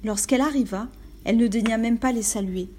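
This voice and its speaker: A woman narrating a fairy tale in a calm storyteller delivery, dropping into hushed whispers at times. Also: on the high side, fairly quick, slight background noise.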